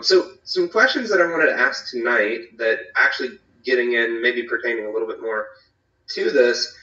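Man leading a church group chat over video call, bright tone, echoey distant dull sound. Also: medium pitch. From eastern North Carolina. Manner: friendly, rambling with many fillers and restarts. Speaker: small group leader.

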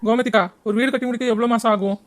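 A woman voicing a cheeky, bossy young village woman in a cartoon, brash and rapid-fire. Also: a little high, steady tone, close to an everyday voice. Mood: consoling. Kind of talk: cartoon voice acting.

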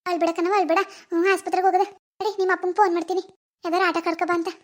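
A woman's voice: very high-pitched, flat delivery, very fast. A woman voicing an anxious village mother in a cartoon, soothing and fussing. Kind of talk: cartoon voice acting.

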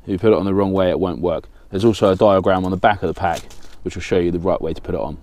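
A man's voice: sits low, steady tone, racing, darkish tone. A man in his thirties from England with a southern English accent, hosting a fishing channel and explaining a rig step by step in a plain, practical way while working with his hands. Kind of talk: step-by-step tutorial. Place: small indoor studio with banner backdrop.

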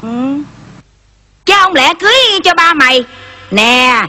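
A woman's voice: sits high, expressive, measured pace, pushed and bright, heavily acted. A fussing, scolding village mother. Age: middle-aged. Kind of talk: Vietnamese reformed opera comedy acting.

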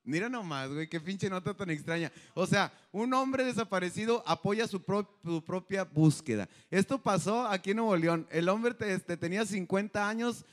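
A man's voice: high voice, animated, normal speed, hardly any pauses. A man hosting a live comedy show, telling crude slang-filled stories and acting out the characters. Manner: crude slang-heavy storytelling, acts out characters. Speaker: comedian host. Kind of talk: live stand-up storytelling.

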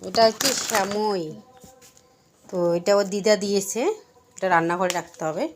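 A woman with a slightly hoarse voice, chatting casually to viewers as a vlogging mother and narrating what she is doing. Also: mid-range voice, steady tone, moderate pace, a little hiss or hum.

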